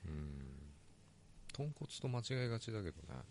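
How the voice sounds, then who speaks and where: Man, low voice, lively pitch swings, laid-back, teasing short replies, podcast co-host. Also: moderate pace, slight background noise. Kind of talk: casual chat.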